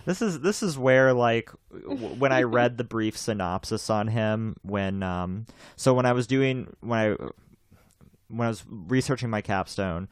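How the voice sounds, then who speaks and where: A man's voice: lowish voice, unhurried, clear, resonant tone, no echo, studio quality. A man in his twenties hosting a podcast in casual chat, rambling, repeating himself and laughing often. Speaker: podcast host.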